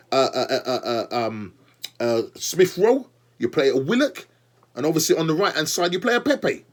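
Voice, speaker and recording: A young man vents about his team in an exasperated, animated fan review. His voice sits a touch high for a man, and he repeats his points and talks straight at the manager. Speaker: football fan channel host. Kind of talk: fan match review rant.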